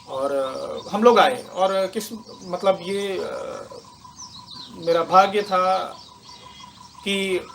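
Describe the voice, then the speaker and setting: A man's voice: fairly high pitch, a bit bright, a little hiss or hum. Emotional man telling a spiritual story. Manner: slow, reflective and emotional, with many pauses and fillers. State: moved to tears at times. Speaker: meditation teacher. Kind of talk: personal spiritual testimony.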